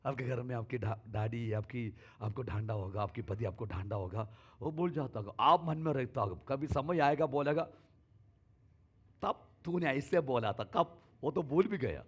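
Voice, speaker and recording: A male pastor preaching a sermon in a church, shifting between sudden loud calls and soft asides. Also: medium pitch, animated, moderate pace, husky, lo-fi sound.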